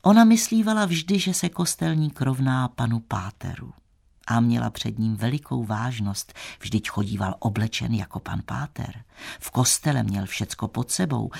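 Gravelly, husky male storyteller. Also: medium pitch, a little mellow. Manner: measured, old-fashioned storytelling. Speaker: audiobook narrator. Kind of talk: scripted narration of a classic tale.

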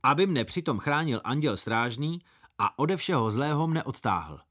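A man's voice: mid-range voice, very animated, fairly bright tone. A man doing a proud, stubborn schoolboy. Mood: defiant. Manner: stubborn, arguing back.

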